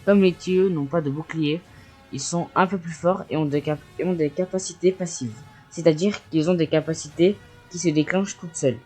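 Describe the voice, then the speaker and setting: A man's voice: a little high, moderate pace, dark tone, husky. French man reading gaming news over music. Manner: reads from notes, stumbles and apologizes over English names. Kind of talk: reading a game news video.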